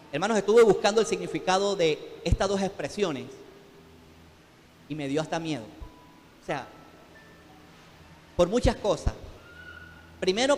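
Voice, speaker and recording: A man's voice: high-pitched, a little hiss or hum. A man preaching a fervent sermon as pastor in a church, calling out to the congregation. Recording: long hall reverb, faint music behind.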